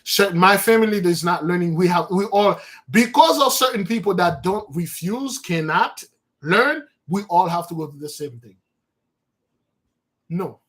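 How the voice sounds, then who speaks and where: A spiritual teacher gives an informal talk to his followers, animated, repeating words and calling out to his listeners. His voice sits high and his pace is moderate.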